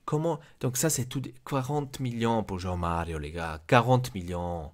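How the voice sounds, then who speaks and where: A man's voice: low voice, lively intonation, moderate pace. A man ranting casually as a football vlogger, exasperated and crude.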